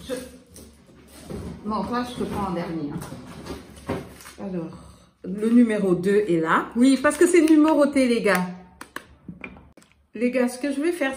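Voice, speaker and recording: A woman from Senegal chatting excitedly to viewers in a casual unboxing vlog, dropping in English phrases, with a slight lisp. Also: medium pitch. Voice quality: slight lisp from dental appliance. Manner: excitable, exclaiming, addresses viewers directly; drops English phrases into speech. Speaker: vlogger showing a gift swap parcel. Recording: roomy echo, faint noise.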